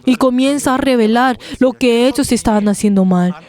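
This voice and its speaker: A woman interpreting a sermon live, speaking in halting phrases with frequent pauses and restarts. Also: on the high side, a little mellow.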